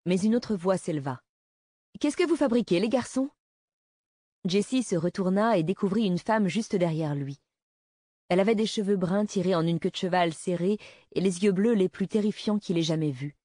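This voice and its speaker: Woman, audiobook narrator, steady measured reading, low voice, dry close recording. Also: dry recording. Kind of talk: scripted narration.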